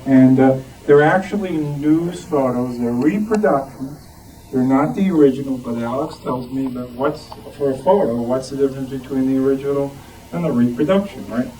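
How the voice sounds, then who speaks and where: Presenting his collection to fellow club members in a meeting room with an audience, a man speaks informally at normal speed in a warm, mid-range voice. He's hesitant and frequently searches for words, and the recording comes from a distant, muffled room mic with background noise.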